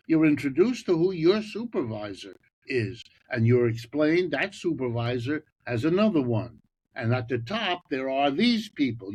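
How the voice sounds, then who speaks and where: An older American man explains his view at length, leaning on emphatic stresses and breaking into frequent restarts. His voice sits at an ordinary middle pitch for a man. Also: darkish tone, husky, rough recording. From United States. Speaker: guest economist. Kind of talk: conversational explanation.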